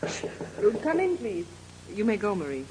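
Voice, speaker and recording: A woman's voice: mid-range voice, wildly swooping pitch, unhurried, dark tone, breathy edge, exaggerated voice, poor audio. An actress playing a polite young woman detective asking questions in an old-time radio drama. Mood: poised.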